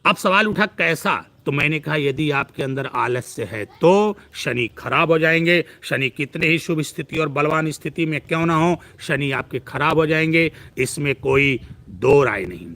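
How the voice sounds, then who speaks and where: A man's voice: fairly high pitch, normal speed, few pauses, pushed and bright. A man giving a preachy live-stream astrology talk who piles up long lists of words.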